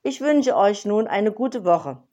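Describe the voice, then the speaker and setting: A woman reading a Bible story aloud to children in an expressive, dramatic way, dropping softly at tense moments. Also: mid-range voice, takes it slowly, lo-fi sound.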